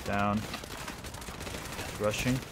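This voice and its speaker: A man with a lowish, steady voice drags out his words while gunfire from a shooter game and military chatter play behind him. He gives casual, slangy commentary on his gameplay, grumbling in exasperation.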